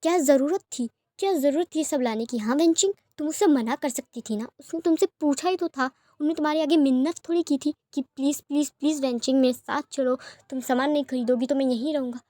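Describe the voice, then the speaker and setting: A woman's voice: on the high side, a little fast, mellow, no room sound, natural voice. A woman voicing a stubborn, hot-tempered young man who argues and pleads, read out in a storybook narration. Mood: irritated. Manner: pleading and defiant inner monologue.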